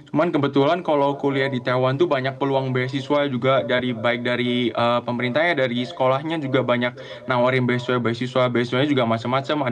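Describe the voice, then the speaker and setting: A young man from Central Java talking as a guest on a remote call, friendly and a little hesitant, with many fillers. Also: mid-range voice. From Central Java, Indonesia. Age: young adult. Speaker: guest, student abroad. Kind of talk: casual chat over a video call.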